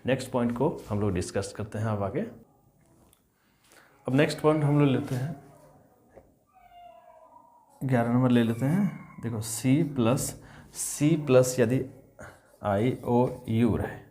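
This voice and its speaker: A man's voice: mid-range voice, unhurried, long pauses, warm tone. A male English teacher walks students through spelling rules. He spells words out letter by letter, then says them whole, and repeats every rule several times. He keeps checking in with his young learners. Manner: addresses students as children, checks in with "is that clear". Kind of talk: spelling and pronunciation lesson.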